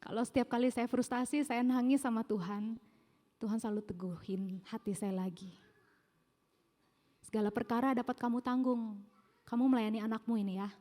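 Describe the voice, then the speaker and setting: A middle-aged woman preaching a sermon, telling her own story in an animated way and acting out the voices of people she quotes. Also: on the high side, normal speed, pauses often. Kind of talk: sermon with personal testimony. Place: large church hall. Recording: long church hall reverb.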